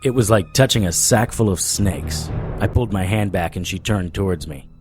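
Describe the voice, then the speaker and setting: Lightly acted and sitting low, a man's voice narrates at normal speed with music behind it. The mood is tense as he plays a haunted, dogged supernatural investigator relating his story in first person, hard-boiled audio drama fashion.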